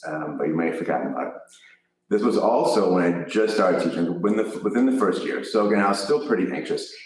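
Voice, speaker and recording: A low-voiced man with a Chicago accent tells a meandering story about teaching yoga. He talks casually and keeps restarting his sentences. He sounds a little far from the mic in a very echoey room. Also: lively intonation, quick pace. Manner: rambling, self-correcting anecdote with laughs.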